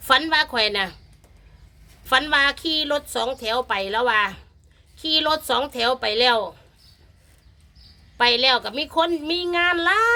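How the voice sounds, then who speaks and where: High, lively laughing woman with a Phu Thai accent. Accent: Phu Thai Isan. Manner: loud, laughing, teasing, animated storytelling. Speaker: vlogger challenging a lottery rival. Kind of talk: casual chat to viewers.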